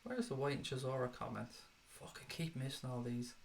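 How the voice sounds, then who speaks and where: A man's voice: mid-range voice, a little fast, vocal fry, slight background noise. An Irish man hosting a casual livestream, reading viewer comments aloud and answering them bluntly, swearing freely. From Ireland. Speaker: livestream host reading chat. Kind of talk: casual chat.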